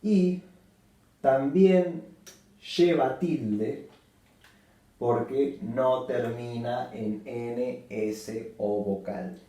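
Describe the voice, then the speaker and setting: A man teaches a grammar lesson at a very slow, deliberate pace, repeating each example word. His voice is mellow and dark. He stands away from the mic in a strongly echoing room. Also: medium pitch, recorded from a distance. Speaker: Spanish teacher.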